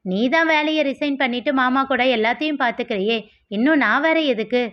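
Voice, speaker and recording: A woman's voice: high-pitched, a little fast, natural voice. A woman voicing a teasing young husband in a storybook reading, in a lazy, bantering way. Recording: dull lo-fi audio.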